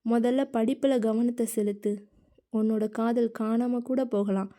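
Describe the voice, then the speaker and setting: A woman's voice: a little high, steady tone, a little slow, dark tone, lightly acted. A woman reading a stern, practical young man. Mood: firm. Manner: firm, lecturing. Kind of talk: audiobook character reading.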